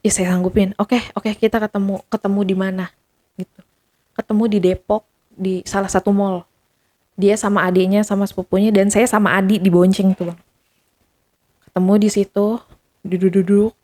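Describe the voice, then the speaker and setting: A woman's voice: medium pitch, moderate pace, pauses often. A woman guest telling a personal story in casual speech, acting out the quoted dialogue with energy. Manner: animated, acts out the quoted dialogue.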